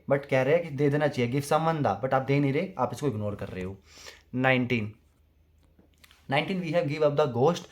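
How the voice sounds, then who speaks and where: A young man teaching idioms for exams, switching between Hindi and English and slowly repeating each phrase. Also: medium pitch, a little mellow. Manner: casual, addresses students directly with everyday examples. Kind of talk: exam-prep lesson on idioms.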